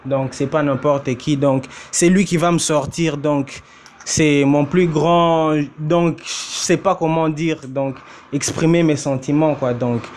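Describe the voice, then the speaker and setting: A man with a slightly high voice speaks emphatically as an interview guest, pushing his points in quick bursts. Faint background noise sits under his voice. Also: steady tone, a little mellow. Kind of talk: casual interview talk.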